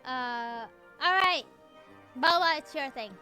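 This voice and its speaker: A woman's voice: high voice, slow pace, sharp tone, faint music behind. A woman hosting a podcast in casual chat, gushing over her guest and swearing freely. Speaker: podcast host.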